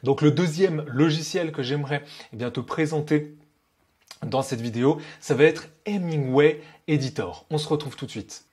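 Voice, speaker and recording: A young man explaining software tools in a screen-share tutorial, talking informally to the viewer with many hesitant fillers. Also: a little high, moderate pace, husky. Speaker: copywriter teaching software tools.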